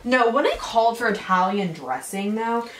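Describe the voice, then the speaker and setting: A woman's voice: a little high, lively intonation, moderate pace, background noise. Chatty Midwestern teen girl vlogging. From Indiana, US. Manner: chatty, rambling, lots of fillers. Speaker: vlogger host. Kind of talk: casual chat while cooking. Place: home kitchen, indoors. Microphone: camera on the counter.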